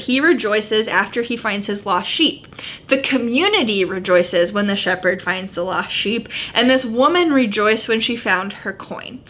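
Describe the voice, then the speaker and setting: Upbeat woman youth pastor, higher-pitched voice. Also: fairly bright tone. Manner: casual, youthful phrasing with frequent "like". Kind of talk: youth sermon, conversational teaching.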